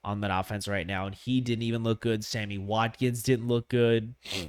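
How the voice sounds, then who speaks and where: A man's voice: lowish voice, steady tone, moderate pace, smooth, no room sound, studio quality. Rambling man on a sports podcast. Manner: rambling, frequent fillers and restarts. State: sniffly from allergies. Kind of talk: casual solo sports talk. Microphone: close studio microphone.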